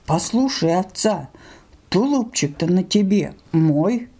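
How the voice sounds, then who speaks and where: A woman's voice: on the low side, lively intonation, takes it slowly, mellow, breathy edge, full character voice. A woman voicing a cocky male grey wolf in a storybook tale, brash and familiar in manner. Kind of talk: storybook character voice in an audio fairy tale.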